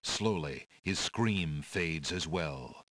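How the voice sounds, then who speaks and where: A man narrating a fantasy adventure game as a measured, dramatic storyteller reading scripted storybook narration. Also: rumbling low, expressive, a bit bright, heavily acted.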